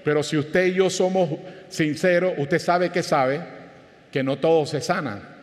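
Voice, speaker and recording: A man's voice: fairly high pitch, steady tone, measured pace, long reverb tail. A man with a Panamanian Spanish accent, a pastor preaching a sermon in a conversational way, with anecdotes and questions to the congregation.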